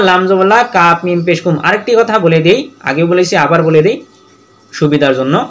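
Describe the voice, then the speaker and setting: High-voiced man teaching Quran recitation. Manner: spells out each letter and vowel mark, then recites verses slowly and drawn out. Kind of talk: step-by-step recitation lesson.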